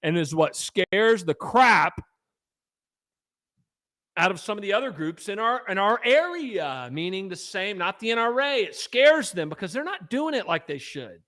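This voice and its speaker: A man's voice: high-pitched, big pitch swings, unhurried, sharp tone. Fired-up man with a drawl. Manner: combative, rallying, punchy. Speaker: gun rights advocacy host. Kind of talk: fiery livestream advocacy talk.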